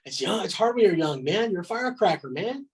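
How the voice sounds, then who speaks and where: A man's voice: sits high, sing-song, brisk, slightly rough, rough recording. A man in his thirties, a podcast guest, talking in a blunt, emphatic way, swearing and filling his talk with "man". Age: 30s. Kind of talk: casual podcast chat.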